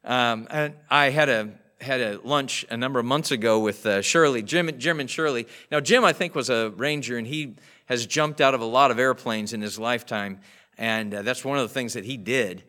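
A man's voice: medium pitch, moderate pace, sharp tone. A man preaching a sermon as pastor in a church, earnest, acting out the voices in his stories. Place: church sanctuary. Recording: live church stream, voice drifting off mic.

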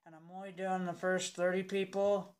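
A young man giving a casual, rambling review in a halting, unimpressed way, talking with a lip packed full of dip. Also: sits high, little pitch movement. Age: young adult. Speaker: product reviewer. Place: indoors in a home room.

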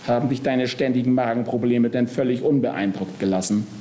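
A man's voice: medium pitch, fairly quick, warm tone, voice pushed up, close to an everyday voice. A man voicing the Body as a simple, good-natured fellow scolding earnestly in a storybook reading. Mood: reproachful.

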